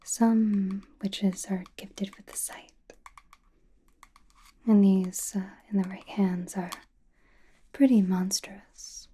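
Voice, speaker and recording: Slow whispering Scarlet Witch, acted by a woman. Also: mid-range voice, steady tone, dark tone. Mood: calm, mysterious. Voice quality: breathy, airy whisper. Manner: slow, soothing, deliberate, with musing pauses. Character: confident, mysterious witch, attentive fortune teller. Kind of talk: whispered ASMR roleplay.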